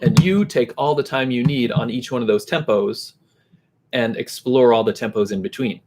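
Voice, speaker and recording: A man's voice: mid-range voice, moderate pace. Man teaching guitar, chanting rhythm syllables. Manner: relaxed, chants rhythm syllables to demonstrate tempo. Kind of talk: casual instructional talk. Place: home room. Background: faint metronome clicks and guitar.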